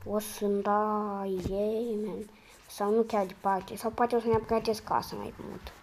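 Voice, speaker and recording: A woman with a hoarse voice giving casual, slangy gameplay commentary, muttering to herself between sudden loud outbursts. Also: medium pitch, little pitch movement, slight background noise. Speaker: gamer.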